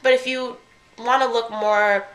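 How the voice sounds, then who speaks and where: A young woman beauty vlogger, congested from a cold, chats her way through a makeup tutorial in a stuffy voice that's a little high, fairly bright, and fairly even in intonation. Unhurried and rambling, she often corrects herself mid-sentence. The audio quality is poor.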